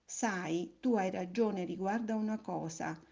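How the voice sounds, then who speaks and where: A woman reading a storybook, voicing a kind, patient friendly soul that explains things calmly. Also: mid-range voice, measured pace, gravelly. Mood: gentle. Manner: calm, gentle, explaining.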